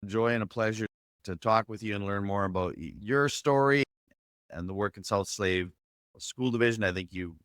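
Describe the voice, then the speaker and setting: A man's voice: lowish voice, normal speed, fairly bright tone, dry recording, clean studio sound. A man hosting a podcast on a video call, asking questions in an encouraging way with frequent restarts. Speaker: podcast host. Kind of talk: casual interview chat.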